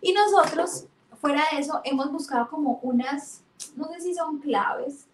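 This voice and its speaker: Woman teaching with lively storytelling. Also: sits high, measured pace, reverberant, slight background noise. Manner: warm, animated storytelling with emphatic retellings.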